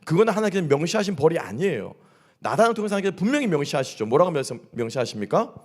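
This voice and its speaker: A man's voice: on the high side, big pitch swings, rapid-fire. A man preaching a sermon at a midweek church service. He keeps asking the congregation questions and answering them himself. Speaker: pastor. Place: church sanctuary.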